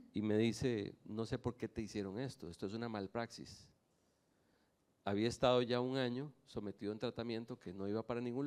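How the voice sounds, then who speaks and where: A man's voice: medium pitch, a little mellow, smooth. A man from Nicaragua telling his personal faith testimony to a church audience, with lightly humorous anecdotes. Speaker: guest giving a testimony.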